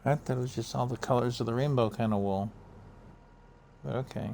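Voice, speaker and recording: A man's voice: medium pitch, fairly even intonation, fairly quick, creaky, mellow, slight background noise. A man in casual chat with friends on a live stream, teasing and joking as they play. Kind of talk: casual chat while gaming.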